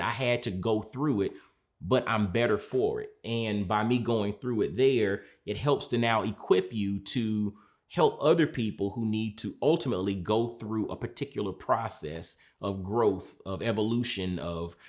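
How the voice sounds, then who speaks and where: A man, a mindset coach from Georgia, talking in a reflective sit-down, earnest and measured, repeating phrases for emphasis. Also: lowish voice, darkish tone. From Georgia, USA.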